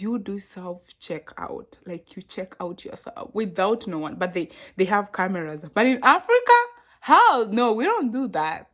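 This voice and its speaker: A young Kenyan woman talks straight to her viewers in a casual vlog. Her Kenyan accent is clear, and she keeps the delivery animated, exclaiming and laughing as she chats. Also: mid-range voice. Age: young adult. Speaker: vlogger. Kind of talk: casual vlog talk to camera.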